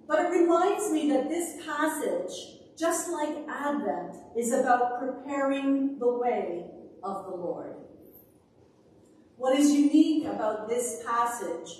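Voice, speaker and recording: A middle-aged woman minister reading scripture and preaching at a pulpit in a large church sanctuary, with measured, emphatic phrasing. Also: on the high side. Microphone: far camera, speaking at a pulpit. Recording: echoey church from a distance.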